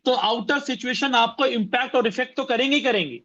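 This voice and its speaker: Male motivational trainer, very high bright voice, punchy repetition and rhetorical questions, dull lo-fi sound. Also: fairly quick. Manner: repeats phrases and fires rhetorical questions at the audience. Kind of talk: motivational seminar talk. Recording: dull lo-fi recording.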